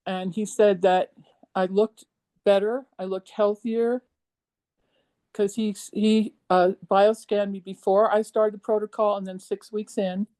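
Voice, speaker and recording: A woman of seventy giving a personal testimonial, emotional and halting, with many ums and restarts. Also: medium pitch, flat delivery, mellow. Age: 70s. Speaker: program participant.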